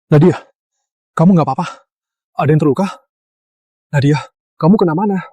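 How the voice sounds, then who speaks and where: A man's voice: a little high, brisk, dark tone, husky, no room sound. A man voicing a young husband anxiously asking if his wife is hurt in a dubbed drama. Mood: worried. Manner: anxious, urgent questioning. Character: frantic worried young husband.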